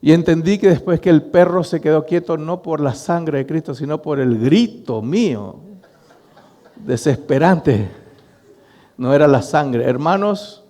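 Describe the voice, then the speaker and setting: A middle-aged male pastor, preaching a sermon and telling a story to his congregation. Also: a little high. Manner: storytelling, addressing the congregation as brothers, animated. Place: church hall. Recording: long reverb of a church hall.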